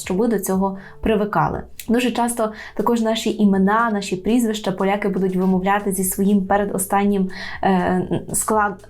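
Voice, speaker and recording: A woman teaching an online language lesson, explaining patiently and slowing down to model words. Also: mid-range voice, darkish tone.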